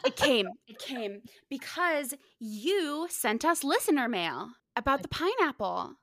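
A woman hosting a casual podcast, upbeat and lively. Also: high-pitched, a little slow, no echo, clean studio sound. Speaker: podcast host.

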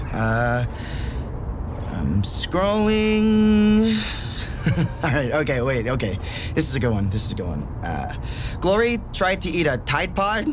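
A man playing a glum, self-deprecating young amateur podcaster in an audio drama, talking in a halting, awkward mumble. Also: mid-range voice, background noise. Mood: wistful, awkward. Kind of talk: audio drama, rambling confessional narration.

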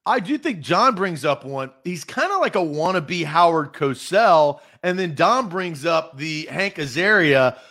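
A man co-hosting a casual sports talk podcast, animated and rambling with lots of "like". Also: on the high side, measured pace, hardly any pauses. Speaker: podcast co-host.

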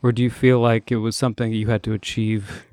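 A man's voice: lowish voice, flat delivery, fairly quick, darkish tone, dry recording, studio quality. A man hosting a podcast, asking his guest questions in a polite, formal way. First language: not born in the United States. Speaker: podcast host. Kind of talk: interview hosting.

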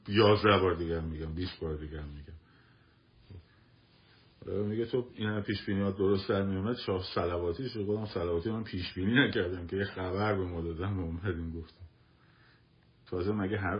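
Argumentative man hosting a lo-fi livestream. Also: fairly low pitch. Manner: argumentative, repeats himself for emphasis. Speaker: livestream host. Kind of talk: casual live talk answering listeners.

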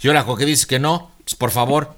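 A man playing a stubborn car buyer, curt and low-voiced as he refuses. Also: fast, fairly bright tone, lightly acted. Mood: defiant.

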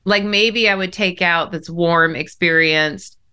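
A woman with a light Southern accent hosts a casual podcast chat. Her voice sits a little low but comes across bright and forceful, and she talks in a direct, chatty way with plenty of fillers. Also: unhurried, clear, resonant tone. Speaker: podcast host.

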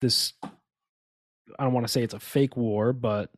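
A male podcast co-host with a mid-range voice and fairly even intonation takes his time, speaking slowly. He has the hiccups and rambles emphatically through casual conspiracy talk, restarting often and going off on asides. The sound is dry and studio quality.

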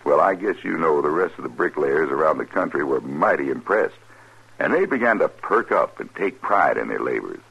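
An American man with a gravelly, husky voice, telling a folksy tall tale as a storyteller. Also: very deep voice, expressive, normal speed, fairly bright tone. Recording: dull old radio recording.

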